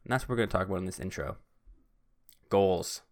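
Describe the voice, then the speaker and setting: A young man hosts his own solo podcast, rambling casually, poking fun at himself, and often drifting off topic. His low voice is a little mellow and a little fast, recorded on a podcast microphone.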